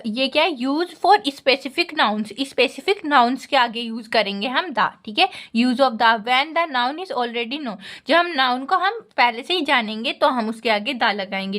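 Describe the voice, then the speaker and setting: An Indian woman teacher giving an exam-focused grammar lesson. She reads English lines slowly, then explains each one, often tagging "ठीक है". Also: on the high side, fairly bright tone.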